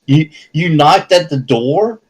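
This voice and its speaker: Slow, halting male game master. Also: fairly high pitch, animated, breathy edge, poor audio. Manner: hesitant, halting, with many fillers. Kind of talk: narrating a tabletop game.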